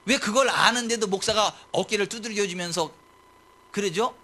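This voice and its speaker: A male pastor preaching a sermon, full of rhetorical questions, who swings from soft asides to loud shouted declarations. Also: sits high, normal speed.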